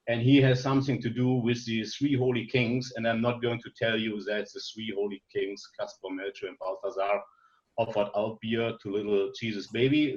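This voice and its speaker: A German guest presenter speaks non-native English with a German accent in a friendly, hesitant video-call presentation, stumbling through fillers and restarts. His voice has a medium pitch, and the audio is dull.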